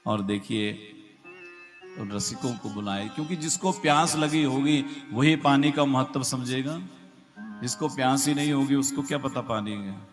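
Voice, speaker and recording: A male preacher speaks slowly and emphatically through a loudspeaker system with a heavy, cave-like echo trailing every word. Clear devotional music plays beneath his sermon as he turns to the listeners with questions. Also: mid-range voice. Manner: rhetorical, asks the audience questions, slow and emphatic. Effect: heavy echo on the sound system. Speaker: Bhagavat katha preacher. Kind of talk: devotional sermon with scripture verses. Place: large devotional gathering with an audience. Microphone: microphone through a loudspeaker system.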